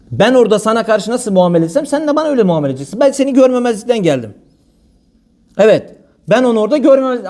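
A man delivers a loose, conversational sermon from a lectern, speaking quickly in a rather high voice. His speech is blunt and everyday, sprinkled with pious exclamations. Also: warm tone. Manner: blunt colloquial speech mixed with religious phrases. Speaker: preacher. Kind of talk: informal religious talk.

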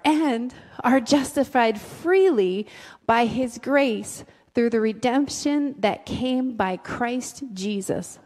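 Middle-aged woman preacher, talks with the congregation, slightly high voice, reverberant sanctuary. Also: a little mellow. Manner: conversational, asks the congregation questions. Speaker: pastor. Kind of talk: sermon. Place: church sanctuary with a stage. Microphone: handheld mic, filmed from the back of the room. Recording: long reverb of a church hall.

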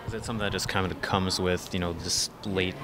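A man's voice: low voice, level tone, a little fast, noisy background. A male reporter asking long, rambling postgame interview questions.

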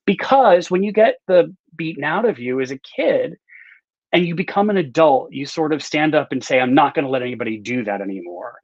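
Speaking a little fast in a slightly high, animated voice, a middle-aged author rambles casually through interview answers and throws in self-deprecating asides. He's on a video call in an indoor room with bookshelves, and the slightly dull audio has no echo.

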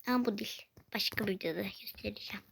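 A woman's voice: mid-range voice, rapid-fire, gravelly, a bit bright, a little hiss or hum. A woman giving casual gameplay commentary, talking to herself and often slipping into a whisper. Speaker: gaming video creator.

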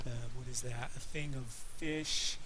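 A man's voice: mid-range voice, steady tone, unhurried. A man hosting a guided video game tour in casual, improvised commentary, with playful, joking, self-deprecating asides. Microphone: desk microphone, voice-over on game footage. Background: game music.

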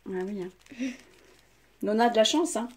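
A woman's voice: on the high side, animated, normal speed, darkish tone. An older woman hosting a craft channel, chatting and gushing over gifts at home, recorded on a phone. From France. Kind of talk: casual unboxing chat.

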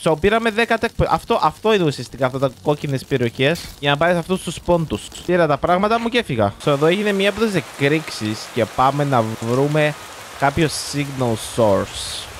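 A young man, chatting through live gameplay commentary and reacting loudly to what happens on screen. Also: fairly high pitch, expressive, a little hiss or hum. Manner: chatty, reacts loudly to the game, mixes in English words. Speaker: gaming YouTuber.

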